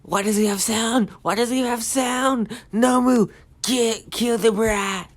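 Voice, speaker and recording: A man voicing a petulant young villain man in a shrill, frantic whine that repeats words. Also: fairly even intonation, slow.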